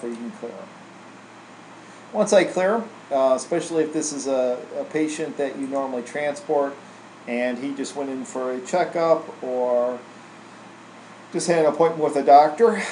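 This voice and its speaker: Roomy echo and a faint air-conditioning hum surround this indoor screen-recording voice-over. A man with a mid-range voice casually walks through software like a trainer showing someone the steps, tagging statements with "right?" in his informal way.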